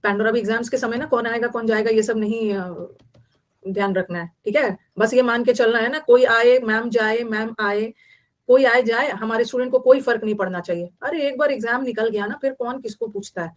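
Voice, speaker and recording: A woman's voice: on the high side, fairly quick, lo-fi sound. Chatty Indian woman teaching vocabulary. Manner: explains in Hindi mixed with English, repeating words. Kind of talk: online vocabulary class.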